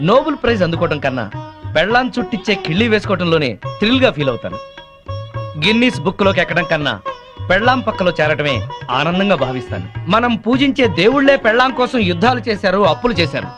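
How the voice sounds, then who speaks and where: A middle-aged husband devoted to his wife, making an earnest speech in a lively, high voice. Sitar and tabla film music plays clearly behind him. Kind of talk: film comedy acting.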